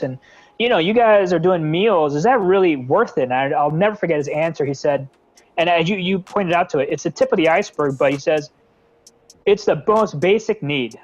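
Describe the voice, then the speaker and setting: The high frequencies are cut off on this clip of a young man from the San Francisco Bay Area, whose voice leans high. As a nonprofit founder being interviewed, he speaks casually and earnestly with frequent fillers and restarts.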